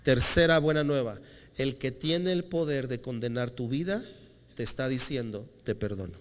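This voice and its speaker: A male pastor preaching a lively, conversational sermon, acting out quotes as he tells stories. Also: mid-range voice, moderate pace, big-room sound, slight background noise. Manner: animated storytelling, acting out quotes.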